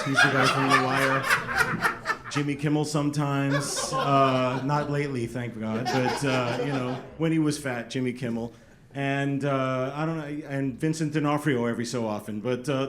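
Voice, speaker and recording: A middle-aged man with a medium-pitched voice does a stand-up set, chatting to the crowd with dry, self-deprecating humor. He's a stand-up comedian at a comedy club with a laughing audience, and the recording is roomy with a loud, noisy background.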